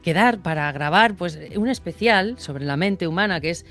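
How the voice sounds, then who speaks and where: Host, middle pitch, welcoming and formal, light music underneath. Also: lively intonation, normal speed, fairly bright tone. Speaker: podcast host. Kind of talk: scripted introduction and casual interview.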